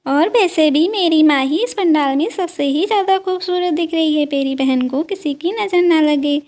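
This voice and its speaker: A woman's voice: high-pitched, normal speed, darkish tone, natural voice. A woman voicing a proud, doting middle-aged mother-in-law in a doll story, fond and comforting toward the bride. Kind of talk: doll story role-play.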